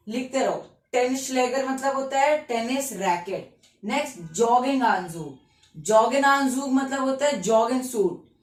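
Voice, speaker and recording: A woman teaching German vocabulary in Hinglish in a classroom style, explaining patiently and quizzing the listener with repeated questions. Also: on the high side. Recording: echoey room, mic at a distance.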